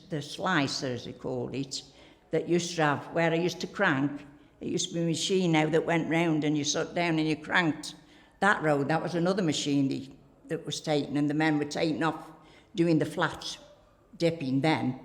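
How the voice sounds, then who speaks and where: A woman's voice: sits low, gravelly. An older woman, telling rambling, chatty stories about her working days in an interview, full of "like" and "you know". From Staffordshire, England. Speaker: interviewee, former pottery worker. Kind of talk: reminiscing interview storytelling. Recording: reverberant room.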